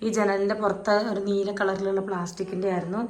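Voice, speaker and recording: A young mother vlogging from her home kitchen, talking to viewers in low, soft asides. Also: level tone, fast talker, slight background noise. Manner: high sing-song baby talk with her toddler. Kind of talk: casual home vlog.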